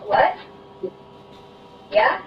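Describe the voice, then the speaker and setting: An older man heard through a doorbell camera, talking in a repetitive, rambling, insistent way. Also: drawn-out words. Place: outdoors at a front door. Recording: muffled distant doorbell camera audio with noise.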